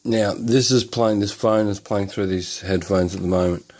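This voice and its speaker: Low-voiced man rambling through a gadget demo. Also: steady tone, normal speed, a little mellow, poor audio. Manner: rambling, swears often, thinks aloud. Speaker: lockpicking and electronics hobbyist. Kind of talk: casual demo narration. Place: indoor room at home.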